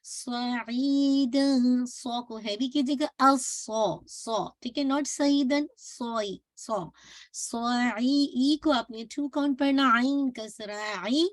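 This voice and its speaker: A woman giving an online tajweed lesson, patiently repeating words slowly to drill pronunciation. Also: fairly high pitch, dry recording. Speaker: Quran recitation teacher.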